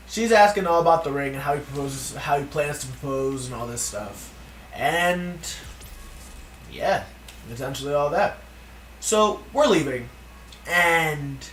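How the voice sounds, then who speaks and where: A man's voice: on the high side, fairly bright tone, a little hiss or hum. A man telling a story in a casual, profane, ranting vlog. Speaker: vlogger. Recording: echoey room from a distance.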